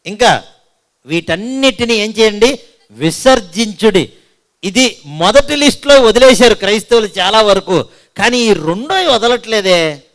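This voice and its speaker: A male pastor with a Telugu accent preaching a sermon, asking the congregation questions and swinging between loud appeals and hushed asides. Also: high voice, lively intonation, unhurried, pauses often.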